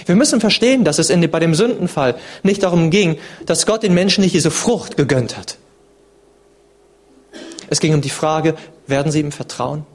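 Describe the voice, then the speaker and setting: A man preaching a sermon in an earnest, dramatic way, swinging between emphatic lines and hushed ones. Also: on the high side, lively intonation, normal speed.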